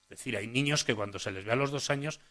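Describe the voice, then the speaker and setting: A man's voice: medium pitch, fast, pushed and bright. Guy from giving a talk to parents, lots of eh and restarts, walks them thru his slides. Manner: hesitant, many restarts and "eh?" tags, pointing the audience to slides. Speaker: speech-language psychologist giving a conference talk. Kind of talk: conference lecture to parents and professionals.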